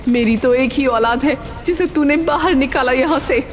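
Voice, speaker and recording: A woman's voice: sits high, moderate pace, faint music behind, voice pushed up, lightly acted. A woman as a stern scolding ghost mother. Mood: angry scolding. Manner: scolding, commanding. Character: stern ghostly mother, angry at cruel son. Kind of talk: animated story voice acting.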